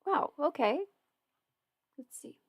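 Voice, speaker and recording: Here a livestream host who also creates audio roleplay talks at a slow pace, recorded in clean studio sound with no echo. She rambles casually, hesitating, breaking off mid-thought, and working things out aloud.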